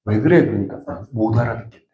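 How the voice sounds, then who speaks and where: A man's voice: on the low side, lively intonation, fast, mellow, muffled recording. A man from the region, giving a lecture and telling stories while he questions the audience directly. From Gyeongsang region, South Korea. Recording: echoey lecture room.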